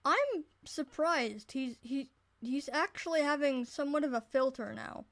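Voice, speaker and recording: A woman's voice: high-pitched, animated, a little slow, fairly bright tone. A woman reading a visual novel aloud, stumbling over words and breaking off to joke and swear. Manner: reads aloud with many restarts, breaks off to comment and swear. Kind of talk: casual let's-play narration and chat.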